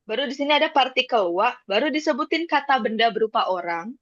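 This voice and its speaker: A woman's voice: a little high, expressive, fast, dry recording. A woman teaching Japanese to a class, patient, repeating points and checking that students follow. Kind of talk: classroom lesson. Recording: dull lo-fi dry sound.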